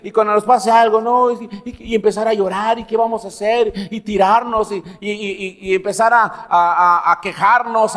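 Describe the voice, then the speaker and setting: A man preaching a sermon as pastor, telling personal stories and asking the congregation questions. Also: sits high. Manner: animated, laughs at own stories, asks the congregation questions. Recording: long hall reverb.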